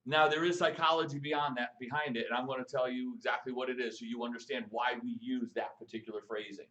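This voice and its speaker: A man coaching a live audience on texting for network marketing, lively and jokey, firing questions at the room. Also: mid-range voice, fast talker, poor audio. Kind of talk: live stream training talk to an audience.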